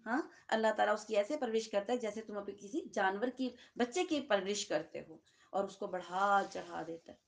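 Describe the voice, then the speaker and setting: A woman's voice: medium pitch, gravelly. A woman with a Pakistani Urdu accent giving a Quran lesson to seated listeners, talking conversationally and often asking the room checking questions. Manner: conversational, asks the audience frequent checking questions. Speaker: Quran teacher.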